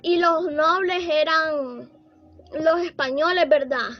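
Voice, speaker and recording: Very high-pitched hesitant student. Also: female voice, slow, highs cut off. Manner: hesitant, asks questions.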